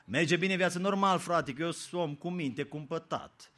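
A middle-aged man preaching a sermon, telling stories dramatically and swinging from hushed asides to shouts. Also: a little high. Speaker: pastor.

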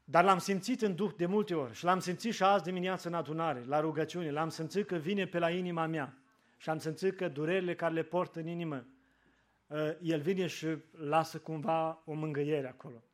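High-pitched guy preaching in church, fervent, gets loud then goes soft and prayerful. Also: steady tone. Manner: fervent, rising and falling with emphasis. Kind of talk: sermon.

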